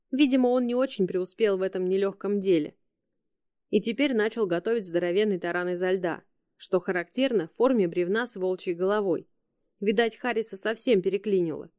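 A woman narrating an audiobook in a steady, matter-of-fact way. Her voice is mellow and dark. The recording is dry and close. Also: medium pitch, no echo. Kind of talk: scripted narration.

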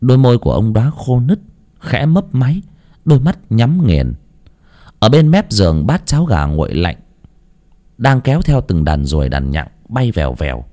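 Man narrating a lively horror tale. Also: medium pitch, moderate pace. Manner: dramatic, shifting pace for effect. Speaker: storyteller.

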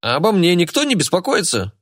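A man's voice: on the high side, very animated, normal speed, fairly bright tone, pitched above the performer's own voice. A man voicing a self-pitying uncle who whines and complains theatrically. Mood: whiny. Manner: whiny, theatrical. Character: self-pitying adult uncle, dramatic and whiny.

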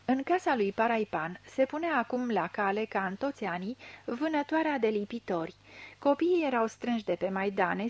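A woman reading a literary novel aloud in a measured, even storytelling manner into a close studio mic. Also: medium pitch. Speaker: audiobook reader. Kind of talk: scripted literary narration.

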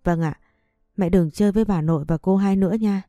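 A woman's voice: medium pitch, brisk, mellow, no room sound, studio quality, soft background music, lightly acted. A woman voicing a tearful three-year-old boy in a storybook reading. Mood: pleading, childlike.

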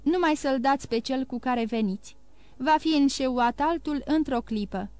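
A woman's voice: high-pitched, darkish tone, clean tone, dry recording, close to an everyday voice. A woman voicing an earnest loyal servant. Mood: helpful.

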